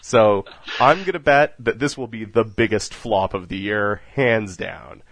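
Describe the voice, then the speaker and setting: A man's voice: lowish voice, measured pace, a bit bright, slight background noise. A man hosting a casual film podcast, joking and laughing often as he talks. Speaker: podcast host.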